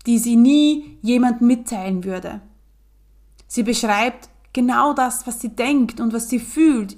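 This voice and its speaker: A woman podcast host speaks to her listeners in an earnest, coaching way, guiding them through an imagined scene. Her voice sits fairly high. She takes her time, pausing between short phrases. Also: darkish tone. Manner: slow, earnest, coaching, addresses listener directly. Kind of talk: guided visualization podcast talk.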